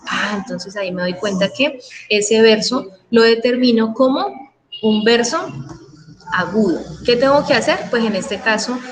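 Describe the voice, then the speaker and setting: Patient Colombian teacher, middle-aged woman, higher voice, faint hiss of a video call. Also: lively intonation, unhurried, low-quality recording. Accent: Colombian Spanish. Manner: patient, checks understanding with frequent questions. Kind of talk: online class explanation.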